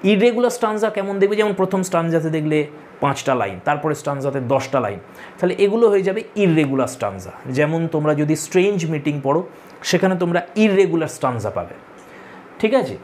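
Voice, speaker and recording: A man's voice: on the high side, lively intonation, brisk, a little mellow, a little hiss or hum. Man tutoring, repeating key points. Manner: addresses students directly, tells them to take notes. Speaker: literature tutor. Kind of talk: online lecture to exam students.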